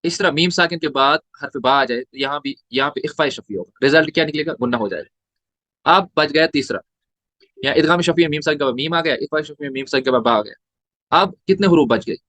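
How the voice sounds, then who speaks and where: A man's voice: on the high side, fairly quick, pushed and bright, dry recording. A man teaching a tajweed lesson, spelling out letters and vowel marks one by one and asking and answering his own questions. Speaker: Quran recitation teacher.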